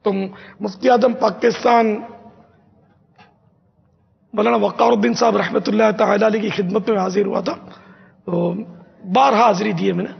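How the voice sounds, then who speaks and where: An older man, a religious scholar from Pakistan, gives an emphatic teaching talk to a gathering and repeats phrases slowly as pronunciation drills. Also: sits high, vocal fry, husky. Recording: echoey hall, dull lo-fi sound.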